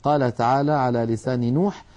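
A man's voice: mid-range voice, fairly even intonation, a little fast, darkish tone. A man teaching the rules of Quran recitation, explaining patiently and drawing out sounds to demonstrate them. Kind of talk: religious lesson on recitation rules.

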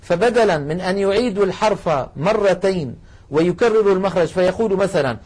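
A man lecturing a class, explaining carefully and slowing down to demonstrate sounds, asking students to try along. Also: high voice, darkish tone, husky. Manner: addresses students directly, asks them to try along. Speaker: Quran recitation teacher.

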